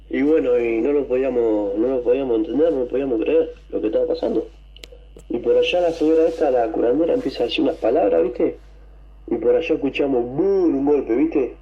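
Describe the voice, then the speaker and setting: A man with an Argentine accent, telling a story to a radio show, excited and rambling, with coughs and throat clearing. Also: medium pitch, a little fast, highs cut off. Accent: Argentine Spanish. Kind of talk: casual storytelling.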